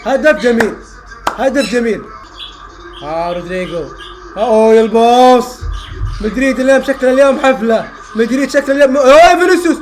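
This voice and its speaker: A young man reacting live to a football match, exclaiming and repeating phrases, shouting at goals. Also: extremely high pitch, fast talker, slight background noise. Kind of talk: excited live reaction commentary.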